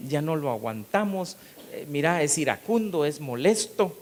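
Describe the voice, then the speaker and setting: A middle-aged man, a pastor, preaching an animated sermon and acting out the people in his stories. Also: a little high, a little slow. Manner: animated storytelling, acting out quotes, rising to loud emphasis. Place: church hall. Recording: long hall reverb with faint hiss.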